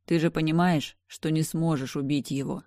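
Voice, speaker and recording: Woman voicing a gentle young brother in a dream. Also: low-pitched, normal speed, dry recording, clean studio sound. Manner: soft, calm and affectionate. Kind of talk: audiobook reading.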